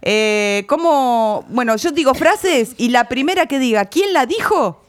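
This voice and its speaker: A woman's voice: sits high, lively intonation, measured pace. A woman with an Argentine Spanish accent who hosts a party game among friends and reads quotes aloud. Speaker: host reading game phrases. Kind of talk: casual chat among friends.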